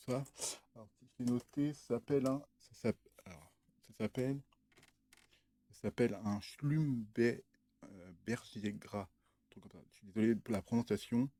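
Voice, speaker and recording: A young vlogger talks casually to camera in a show-and-tell video, showing off what he bought and hesitating with many fillers and restarts. His voice is fairly low in pitch and darkish in tone.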